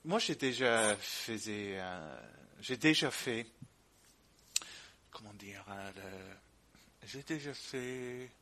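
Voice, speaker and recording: Man speaking halting French as a non-native. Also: fairly low pitch, bright, forceful tone. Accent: foreign, English-speaking. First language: English. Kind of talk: casual chat, reminiscing.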